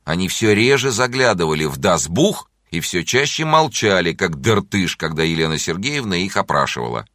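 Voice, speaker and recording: A man narrating a children's story as an audiobook in an expressive, playful way. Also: deep voice, a little fast, few pauses, no room sound, studio quality.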